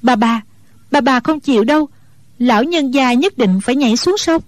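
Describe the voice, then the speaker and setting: A woman's voice: high-pitched, animated, moderate pace, no room sound. A woman voicing a frightened young girl who stammers in an audiobook. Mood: anxious. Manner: anxious, stammering.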